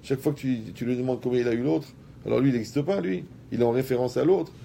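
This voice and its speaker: A man giving a lively talk to an audience. He speaks colloquially, addresses the listeners directly and uses everyday examples. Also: mid-range voice, fast talker, gravelly, slight background noise.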